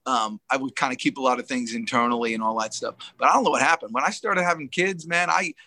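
Middle-aged man, candid guest, rambling storyteller, bright tone, dry close mic. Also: mid-range voice, quick pace, no echo. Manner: emotional, rambling, laughs often. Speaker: podcast guest.

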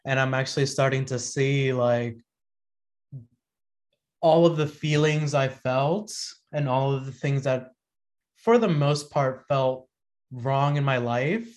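A man in his thirties, a podcast guest, talking in a reflective, rambling way full of fillers and restarts. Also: medium pitch. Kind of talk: casual conversation.

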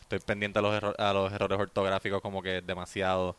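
A man's voice: low voice, flat delivery, fast, fairly bright tone, clean tone. A man co-hosting a casual podcast chat, explaining his ideas at length and correcting grammar. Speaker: podcast co-host.

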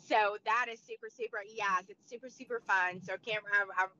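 A woman's voice: mid-range voice, steady tone, fairly quick, bright, forceful tone, slight background noise. A woman in her forties who is losing her voice, chatting as an interview guest with many fillers and restarts. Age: 40s. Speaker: guest, motivational speaker. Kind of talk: casual interview chat. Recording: dull lo-fi sound.

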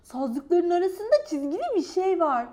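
A woman voicing a cheerful, caring little striped forest creature in a children's story, bright and reassuring. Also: very high voice, big pitch swings, moderate pace, voice pushed up. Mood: eager. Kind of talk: storybook character voice.

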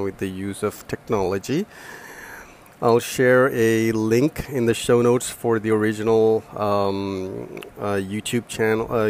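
A man hosting a podcast, reading a passage and then chatting, with a nasal voice from a lingering cold and halting delivery. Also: fairly low pitch, slight background noise. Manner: slow, halting, with restarts and fillers. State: has a cold. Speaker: podcast host. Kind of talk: reading a memoir excerpt, then casual podcast talk. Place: home room with a fan running.

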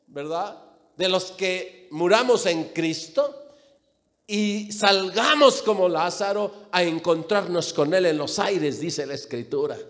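A man's voice: sits high, big-room sound. A man preaching a sermon with emphasis, repeating phrases and speaking straight to the congregation.

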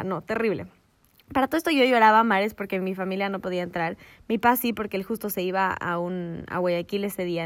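A woman telling a story in casual chat, animated and laughing, dropping in English slang. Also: mid-range voice, dry recording.

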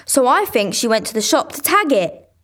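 An actress playing a sulky, sharp-tongued teenage girl solving a crime, sarcastic and offhand. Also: fairly high pitch, sing-song, moderate pace. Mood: reasoning. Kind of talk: radio drama acting.

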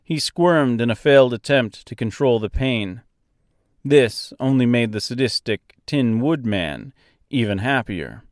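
A male storyteller narrating a profane fairy-tale parody at a slow, deliberate pace. His pitch moves a lot, giving the narration a lively, animated shape, and he drops crude lines in a deadpan way. The recording is dry and close. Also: no echo. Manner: unhurried, expressive, deadpan profanity.

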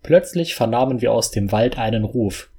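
Husky man reading a comic story. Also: medium pitch, animated, moderate pace, warm tone. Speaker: reader. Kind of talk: reading a humorous story aloud.

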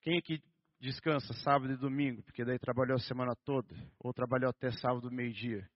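A man's voice: mid-range voice, fairly even intonation, no echo, lo-fi sound. Man, Brazilian Portuguese accent, conversational sermon, joking asides, dry close sound. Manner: slows down and stresses scripture reading. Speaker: preacher.

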